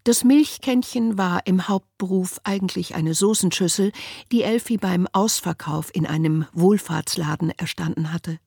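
A woman narrating an audiobook in a calm, measured storytelling manner. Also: lowish voice, vocal fry, husky, no echo, clean studio sound. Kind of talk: scripted narration.

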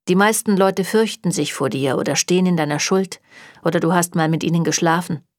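A woman's voice: lowish voice, brisk, no echo, studio quality, lightly acted. A woman reading a German audiobook, voicing a cocky, blunt young male demon hunter with a teasing way of talking.

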